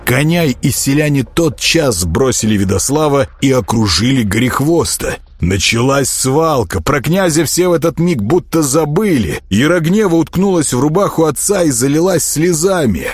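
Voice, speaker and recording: A man narrating an audiobook in an expressive storytelling manner. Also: fairly high pitch, normal speed, few pauses, husky, dry recording. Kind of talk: scripted narration.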